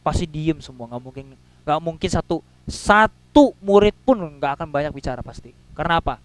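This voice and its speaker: A man preaching a sermon in a casual, slangy way, swinging between loud and soft and acting out quotes. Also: a little high, expressive, moderate pace, no room sound, poor audio.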